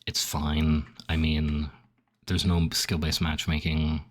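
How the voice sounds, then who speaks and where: This gaming streamer is a young man whose very deep voice carries a bit of phlegm, and his delivery is slow and monotone. Working through a survey, he reads each choice out loud, reacts, and rambles in filler-packed casual talk full of "like."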